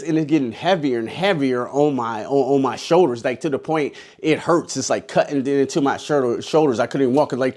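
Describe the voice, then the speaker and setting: A man's voice: medium pitch, darkish tone. A man in his forties, a haunted house scare actor, telling stories in a rambling, profane way with many restarts. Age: 40s. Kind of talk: casual storytelling vlog.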